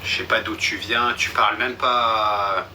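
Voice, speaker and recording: A man's voice: fairly low pitch, fairly even intonation, measured pace, pushed and bright. A young man chatting casually on a live stream, blunt and slangy, with a dismissive streak. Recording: a bit distant with faint background noise.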